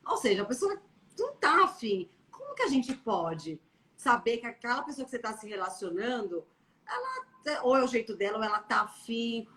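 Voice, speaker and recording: A young woman from Brazil chatting on a live stream in a blunt, animated way. Her voice sits fairly high, and she likes to slip into playful impressions of how people talk. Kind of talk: casual chat.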